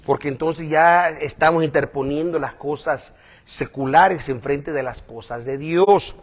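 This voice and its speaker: High-voiced preacher, conversational sermon. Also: male voice, a little slow. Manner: conversational preaching, asks "¿verdad?" often; swings between raised emphatic lines and quiet asides.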